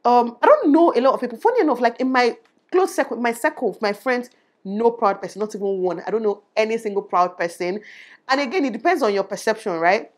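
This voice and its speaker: A young Nigerian woman, a YouTuber with a Nigerian accent, shares her opinions in a casual, animated vlog recorded on a lavalier mic. Her voice is small yet loud, on the high side, and fast.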